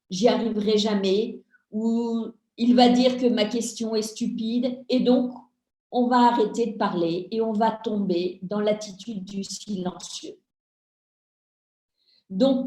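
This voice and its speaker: A middle-aged woman gives a measured talk to parents over a video call, acting out small family exchanges as she goes. Her voice is mellow and a little high, and she takes her time. The room around her sounds echoey. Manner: slow, measured, acts out family dialogue examples. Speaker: lecturer on family communication.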